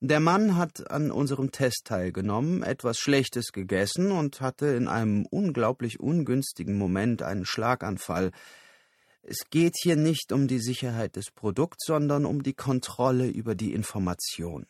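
A man's voice: medium pitch, lively intonation, normal speed, darkish tone, dry recording, clean studio sound, lightly acted. A man reading a brusque, dismissive executive.

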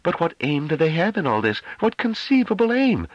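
A man's voice: fairly high pitch, very animated, normal speed, slightly rough, no room sound, dull audio, pitched above the performer's own voice. A man reading an audiobook, voicing a scornful, impatient woman on a ruling council who talks in a mocking, dismissive way. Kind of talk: audiobook character voice.

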